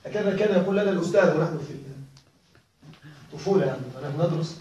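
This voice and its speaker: A man's voice: fairly high pitch, very fast, dark tone. A man teaching a grammar lesson to a class, drilling each rule by repetition and often checking that the students are following. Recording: echoey room, mic far off.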